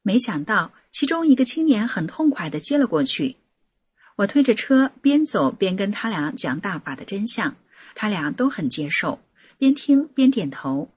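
A woman reading a personal account aloud in an earnest, measured scripted narration. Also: mid-range voice, very animated, breathy edge, no echo. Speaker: article reader.

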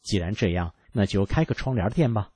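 A man's voice: fairly low pitch, expressive, a little fast, a little mellow, husky, no room sound. A male narrator reading the lines of a doubtful, practical young wife in a blunt, matter-of-fact way, close to his own voice.

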